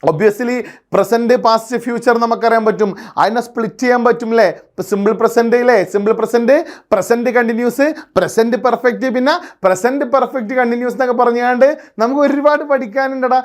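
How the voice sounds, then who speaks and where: A man's voice: extremely high pitch, steady tone, fast talker. A male teacher giving an exam-prep lecture, firing rhetorical questions at his students and mixing Malayalam with terms. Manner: quizzing listeners with rhetorical questions. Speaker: English teacher.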